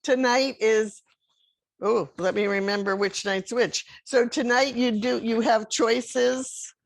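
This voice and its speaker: Unhurried woman hosting a workshop. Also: a little high, steady tone, creaky. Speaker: workshop host. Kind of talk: casual event hosting.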